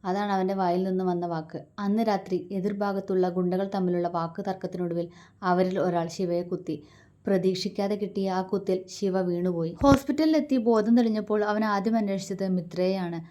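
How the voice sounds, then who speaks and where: A woman storyteller narrating a romantic family tale. Her voice is mellow and warm, and she reads in a calm, even way. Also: medium pitch, fairly quick.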